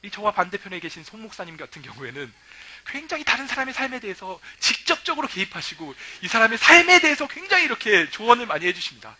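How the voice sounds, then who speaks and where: A male pastor preaching a sermon, telling stories lively and acting out what people say. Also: high voice, fast, few pauses. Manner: lively storytelling, acting out quoted remarks.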